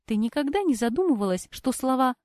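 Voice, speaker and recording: Woman reader playing a calm older brother, soft, soothing, protective, dry close recording. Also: sits high, brisk, no room sound, voice pushed up. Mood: gentle. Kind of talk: audiobook character voice.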